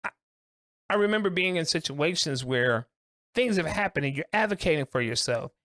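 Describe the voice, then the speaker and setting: An earnest man co-hosting a podcast, his voice rising and falling freely as he lays out his thoughts in deliberate, emphatic phrases. It is a close, dry recording with no room sound. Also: fairly high pitch, animated, a bit bright, dry recording. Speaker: co-host. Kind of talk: podcast discussion.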